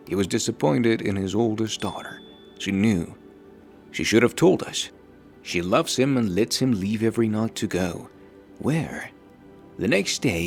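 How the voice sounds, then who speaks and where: Low-voiced man narrating a story. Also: vocal fry.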